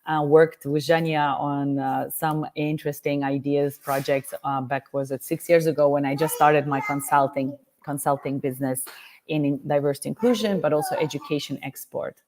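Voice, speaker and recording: A woman's voice: deep voice, fairly even intonation, moderate pace, a little mellow, slight background noise. A woman from Uzbekistan, a diversity consultant, introducing herself on a video-call panel with earnest, repeating speech. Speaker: guest speaker, diversity consultant.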